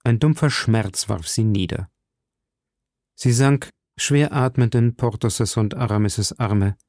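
A man narrating a classic novel in a measured, steady, deliberate way. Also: lowish voice, dry recording, clean studio sound. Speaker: audiobook narrator.

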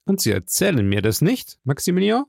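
A man voicing a calm, powerful count who speaks softly and measuredly. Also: medium pitch, creaky, no room sound, studio quality. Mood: gentle. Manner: soft, measured, gently smiling. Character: calm, powerful middle-aged count, gentle and mysterious.

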